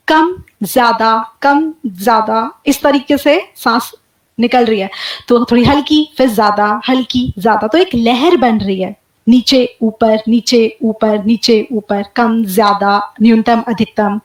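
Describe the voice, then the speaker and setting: A woman giving a webinar lecture, demonstrating sounds aloud slowly and clearly. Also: on the high side, roomy sound, low-quality recording. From India. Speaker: guest lecturer.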